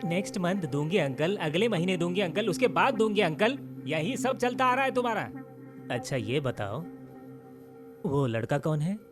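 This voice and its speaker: A man's voice: high-pitched, very animated, moderate pace, over music. An actor playing a nosy, sarcastic middle-aged landlord in a dubbed film, mocking his tenant over late rent.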